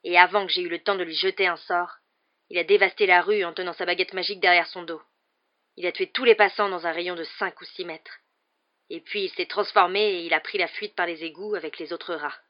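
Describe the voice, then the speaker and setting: A woman narrating an audiobook in an even, measured reading, in a dull, muffled recording. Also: on the low side. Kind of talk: scripted narration.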